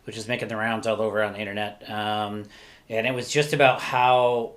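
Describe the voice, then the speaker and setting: Speaking briskly and flatly in a lowish, fairly bright voice, this podcast co-host chats casually. His talk wanders as he thinks out loud, with frequent mid-sentence self-corrections.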